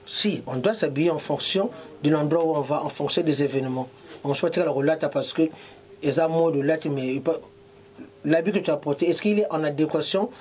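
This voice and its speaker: Emphatic Congolese designer in a shop. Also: male voice, a little high, brisk, darkish tone, a little hiss or hum. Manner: mixes French and Lingala, emphatic. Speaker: fashion designer. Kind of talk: interview in a shop. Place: clothing shop, indoors. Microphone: handheld mic held by interviewer.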